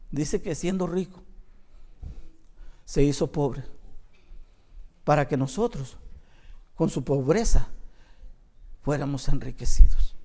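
A pastor delivers an emphatic evangelical sermon. His voice sits fairly high for a man, and he swings from loud, ringing cries to hushed asides.

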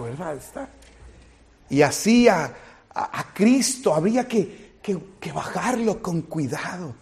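A man's voice: on the high side, gravelly, husky. A man preaching a sermon as a pastor, speaking straight to the congregation and acting out small scenes. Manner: animated preaching, acts out little scenes, addresses congregation directly.

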